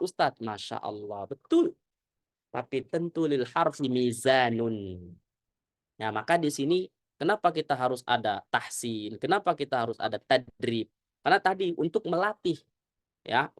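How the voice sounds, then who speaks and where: A male ustadz teaching tajwid in a casual, relaxed tone. He slows down to show each Arabic sound clearly. He keeps checking whether his students follow. The recording is dry, with almost no room echo. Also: fairly high pitch. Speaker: Quran recitation teacher. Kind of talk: tajwid lesson to a congregation.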